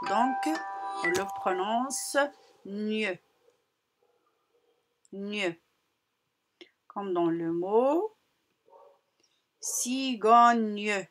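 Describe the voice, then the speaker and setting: Female teacher, slow and breathy, drilling children on sounds. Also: mid-range voice, fairly bright tone. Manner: slow, carefully articulated, repeats sounds for children. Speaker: primary school teacher. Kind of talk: phonics lesson for young children.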